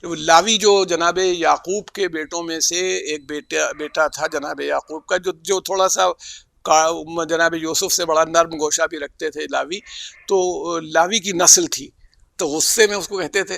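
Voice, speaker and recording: A man delivering a religious sermon, telling stories and voicing the figures in them with sudden loud rises. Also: a little high, fairly even intonation, gravelly, no echo. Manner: storytelling, acts out quoted figures with loud rises. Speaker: religious speaker. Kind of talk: Muharram majlis sermon.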